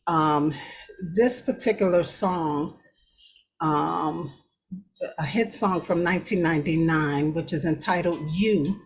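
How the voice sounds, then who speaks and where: An American woman hosts a talk show, offering casual news commentary in an unhurried, conversational way with hesitant pauses between phrases. Her voice is low with a breathy edge.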